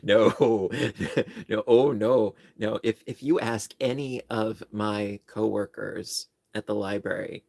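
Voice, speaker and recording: A man with a New York accent hosts a livestream, chatting casually, rambling and cracking jokes at his own expense. His voice sits on the low side, slow and darkish with vocal fry. The studio recording is clean with no echo.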